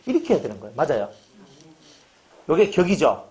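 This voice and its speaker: A man's voice: a little high, huge pitch swings, fairly quick, darkish tone. A middle-aged male pastor preaching a humorous sermon, joking and acting out little dialogues with his congregation.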